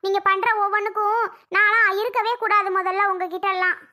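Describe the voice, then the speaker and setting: A woman's voice: steady tone, brisk. A woman voicing a tearful, aggrieved elderly mother in a cartoon, wailing and complaining. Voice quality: wailing, complaining, high and bright. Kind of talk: animated cartoon voice acting.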